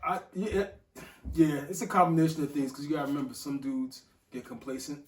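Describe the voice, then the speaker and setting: A man in a casual podcast chat, blunt and emphatic, quick to agree. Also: fairly high pitch, recorded from a distance. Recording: roomy sound from off mic.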